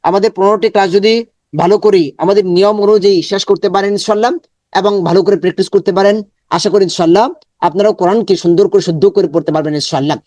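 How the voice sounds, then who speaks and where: Male Quran tutor, fairly high voice, dry close sound, patient syllable-by-syllable drilling and slow chanted recitation. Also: fairly even intonation, a little mellow, no echo. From Bangladesh. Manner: chants the Arabic verse slowly and drawn out. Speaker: Quran teacher. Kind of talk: online Quran recitation lesson.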